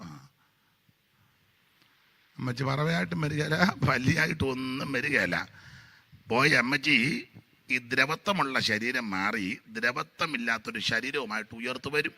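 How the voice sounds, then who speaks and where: A man preaching a sermon as pastor, building to loud emphatic peaks and dropping low for mocking asides. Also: gravelly.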